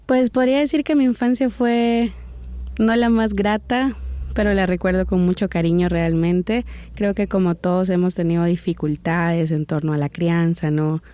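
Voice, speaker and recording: A woman's voice: on the low side, fairly even intonation, normal speed, dark tone, dry recording. Salvadoran woman in her thirties recounting. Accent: Salvadoran Spanish. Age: 30s. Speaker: interview guest. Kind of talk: personal life story in an interview.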